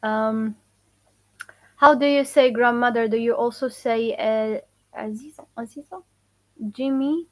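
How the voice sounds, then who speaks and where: A woman's voice: fairly high pitch, a bit bright. Woman teaching slang on a live. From Morocco. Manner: casual, repeats phrases slowly for learners; answers viewer questions. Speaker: Moroccan Arabic teacher. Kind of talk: live-stream language lesson.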